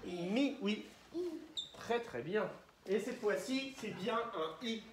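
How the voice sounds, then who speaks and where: A woman's voice: medium pitch, expressive, takes it slowly, recorded from a distance. A woman teacher talks young children through spelling a word, sounding each syllable out with patient coaxing. Her voice rings in an echoey room, with a faint hiss underneath. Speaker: primary school teacher. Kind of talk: classroom lesson for young children.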